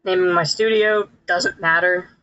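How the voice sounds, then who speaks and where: A streamer talking through a live gameplay session with a voice digitally pitched up like a chipmunk, rambling and correcting themselves with frequent laughs. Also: steady tone, measured pace, pushed and bright, muffled recording, slight background noise. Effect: pitched-up chipmunk-like voice filter.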